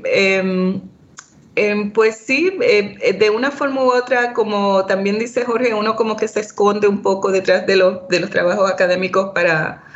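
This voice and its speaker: Panelist, mid pitch, hesitant, many fillers, dull lo-fi sound. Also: fairly bright tone. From Puerto Rico and United States. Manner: hesitant, frequent "¿verdad?" and fillers. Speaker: scholar on a panel. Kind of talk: academic panel discussion.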